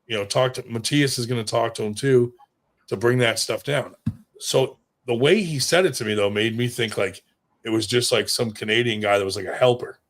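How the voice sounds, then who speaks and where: A mid-range male voice at a moderate pace spins stories in a loose, rambling chat, full of profanity and filler words.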